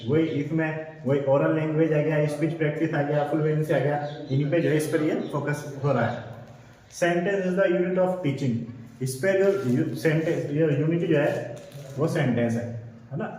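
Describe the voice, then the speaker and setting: A male teacher giving an exam-prep lecture, repeating each point several times and reading English lines slowly before explaining them. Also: a little high, steady tone, darkish tone. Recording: very echoey room, faint background noise.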